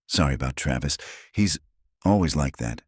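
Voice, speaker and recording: A weary young woman coworker confides in a hushed voice, as a male narrator reads her lines. The voice stays very deep and dry in this storybook reading. She keeps her words low and quiet. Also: expressive, normal speed, breathy edge, no echo, heavily acted. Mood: confiding.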